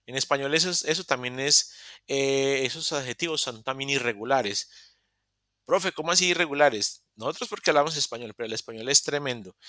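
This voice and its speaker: Bright-voiced male teacher, bone-dry sound. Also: mid-range voice, no echo. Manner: explains step by step with many restarts and self-corrections. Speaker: English teacher. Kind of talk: live online class explanation. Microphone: video call.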